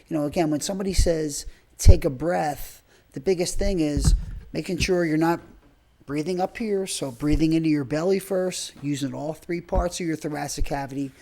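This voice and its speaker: Breathwork instructor, dark mellow tone, mid-range pitch, informal rambling explanations, demonstrating while talking. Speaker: breathwork and movement trainer.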